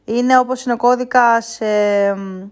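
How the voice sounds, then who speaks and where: A woman giving a casual spoken tutorial, explaining step by step and pausing often with hesitation sounds. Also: fairly high pitch, steady tone. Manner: unhurried explaining with frequent hesitations. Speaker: instructor.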